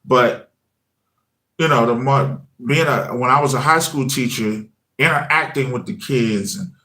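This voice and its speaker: A fortysomething man with a mid-range voice tells his story at a measured pace, casual and chatty, leaning on "you know what I mean." He used to teach high school and now creates a music channel, and he livens things up by quoting his own past remarks.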